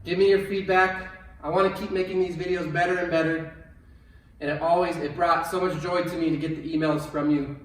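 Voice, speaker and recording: A man, a PE coach leading an online fitness class, upbeat and encouraging, calm when guiding. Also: on the high side, a little fast, heavy reverb, recorded from a distance, poor audio.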